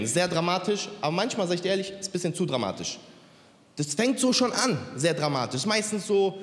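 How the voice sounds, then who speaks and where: A man in his thirties doing stand-up on a big indoor stage with a handheld mic, teasing the crowd in a cocky way. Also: a little high. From Germany. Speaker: stand-up comedian. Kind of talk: stand-up comedy. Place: large indoor stage with audience. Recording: roomy hall with long reverb, faint ambience.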